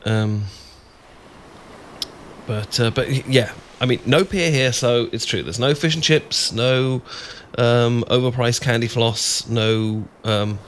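Here a man from Britain talks slowly in a natural, mid-range voice. In a relaxed, chatty mood, he takes the role of a shy, adorkable young friend for an ASMR boyfriend roleplay, stumbling over words, hesitating and rambling in what sounds like improvised casual chat. Clear audio carries background noise and ambient sound.

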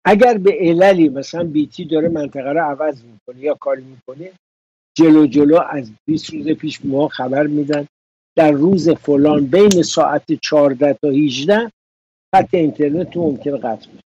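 A man's voice: a little high, mellow, breathy edge, dry recording, muffled recording. A man hosting a political commentary show, talking indignantly and sarcastically in a studio.

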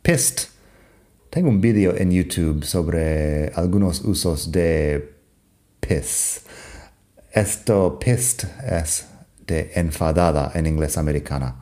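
A man's voice: deep voice, takes it slowly, mellow. A man whose first language is English hosts a podcast language lesson, patiently explaining and reading example sentences aloud before translating them. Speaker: English teacher and podcast host.

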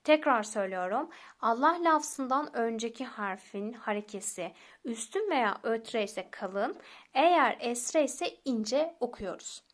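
Female teacher, young adult, fairly high pitch; patient, repetitive lesson delivery. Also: expressive. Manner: patient, repeats rules step by step, addresses listeners as friends; slows down to recite example words. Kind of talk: recorded tajweed lesson.

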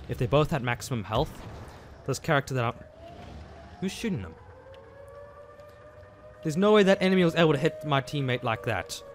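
A man's voice: medium pitch, expressive, moderate pace, long pauses, slight background noise. A man from South Africa giving casual live commentary while playing a video game, muttering his reactions as he plays. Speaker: gaming channel host.

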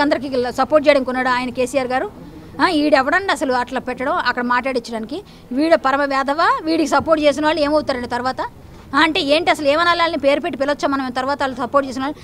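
Fiery fast-talking woman. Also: high voice, fairly bright tone, slight background noise. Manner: fiery, defiant, rapid-fire and accusatory. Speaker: interviewee. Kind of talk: heated news interview.

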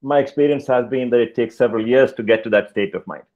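An older man giving a keynote lecture over slides on a video call, talking in a measured, deliberate way with pauses and fillers. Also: medium pitch. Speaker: keynote speaker. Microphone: headset, video call. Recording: slightly dull video-call audio.

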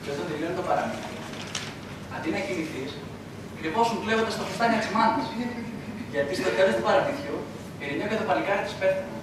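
Guy acting impatient son, high voice, really echoey far-off stage recording, noisy. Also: animated, pauses often. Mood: gentle teasing. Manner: urgent, rising to outbursts. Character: hot-headed grown son, impatient and defiant. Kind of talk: school stage play. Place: school theater stage. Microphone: distant camera mic.

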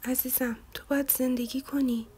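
A woman voicing a tender, motherly aunt who speaks gently and reassuringly. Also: sits high, level tone, slightly rough. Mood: soothing.

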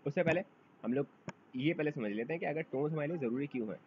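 A man teaching a beginner language lesson, drawing out model sounds and asking learners to repeat after him. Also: fairly high pitch. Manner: drawn-out model sounds for drills. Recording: dull lo-fi recording, faint noise.

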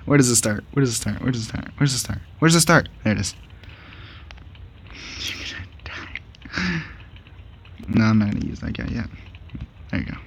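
A man giving casual, excitable commentary while playing a game with a friend, laughing and trash-talking his opponent. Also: medium pitch, racing, a little hiss or hum. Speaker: gaming channel host.

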